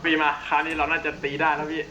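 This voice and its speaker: A man's voice: on the high side, monotone, rapid-fire, pushed and bright, slight background noise. A young man playing along with the host, talking casually, repeating his words and using crude slang. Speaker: gaming co-player. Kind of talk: casual gameplay chat.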